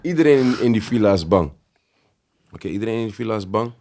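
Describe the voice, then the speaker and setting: A man hosting a podcast, telling stories in a casual, animated way full of street slang. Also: on the low side, fast talker. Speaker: podcast host. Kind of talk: casual chat.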